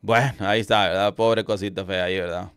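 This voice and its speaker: A man's voice: deep voice, steady tone, brisk, a crowd in the background. A man hosting partisan news commentary, chatty and rhetorical, often addressing his viewers as friends. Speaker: political commentary host.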